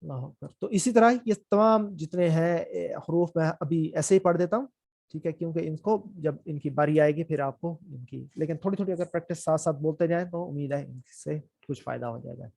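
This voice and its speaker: Man, Quran reading teacher, slightly high voice, slow letter-by-letter spelling, quick explanations, dry close sound. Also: creaky, a little mellow, no echo. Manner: spells out letters and vowel marks slowly, then speeds up to explain; keeps checking in with "ٹھیک ہے". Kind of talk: recorded reading lesson.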